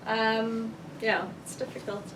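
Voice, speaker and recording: A woman's voice: fairly high pitch, flat delivery, takes it slowly. A woman with a South African accent, an author speaking frankly and with animation at a book launch event. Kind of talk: candid book launch discussion. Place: bookshop event room. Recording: roomy, distant, with faint room noise.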